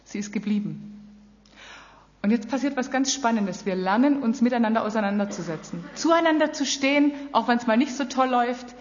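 A woman preaching with a fairly high voice, addressing her listeners earnestly and directly. The recording is muffled and dull, with a long reverb trailing off the walls of a large hall. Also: fairly quick, darkish tone. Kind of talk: sermon.

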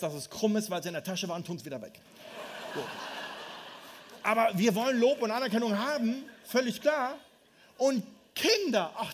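A man in his thirties preaching a lively, humorous sermon, telling family stories and speaking directly to the congregation. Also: high voice. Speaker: pastor.

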